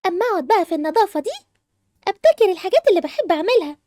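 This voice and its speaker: A woman with an Egyptian accent voicing a cheerful, clever young girl who invents things, eager and bright. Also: very high-pitched, expressive, rapid-fire, dry recording. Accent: Egyptian Arabic. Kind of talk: animated game movie voice acting.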